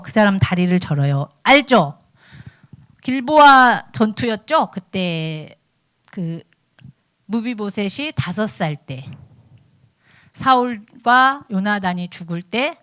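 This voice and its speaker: A woman's voice: mid-range voice, lively intonation, slow pace, fairly bright tone. A middle-aged woman evangelist giving a morning devotional sermon, telling the story with animation and acting out the quoted dialogue.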